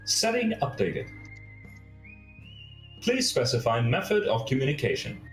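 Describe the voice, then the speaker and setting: A man's voice: medium pitch, huge pitch swings, unhurried, echoey room, faint music behind, voice pushed up. A man voicing a helpful male corporate AI in a drone body, talking in a robot voice with clipped system-message phrasing. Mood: robotic. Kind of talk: tabletop roleplay, playing a character.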